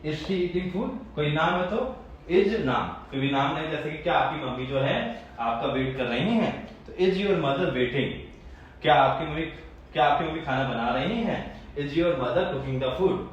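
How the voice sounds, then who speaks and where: A man's voice: a little high, a little slow, a little hiss or hum. A man teaching an English grammar lesson with an Indian English accent, often repeating phrases and quizzing his students. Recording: distant, echoey, dull room audio.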